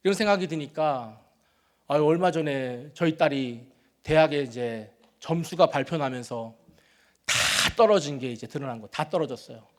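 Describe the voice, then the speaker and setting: High-voiced man preaching a personal sermon. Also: moderate pace. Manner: swings between loud emphatic build-ups and soft, quiet confiding; conversational and self-deprecating. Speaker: pastor. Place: church sanctuary.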